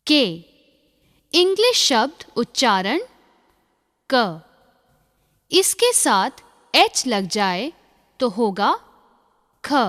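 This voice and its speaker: A woman narrates a phonics lesson, spelling out each sound with unhurried, deliberate care. Her pitch sits fairly high and moves about a lot, and she speaks very slowly. A long reverb trails behind her voice. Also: fairly bright tone. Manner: slow, deliberate, measured. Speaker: phonics teacher. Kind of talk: slow scripted lesson narration.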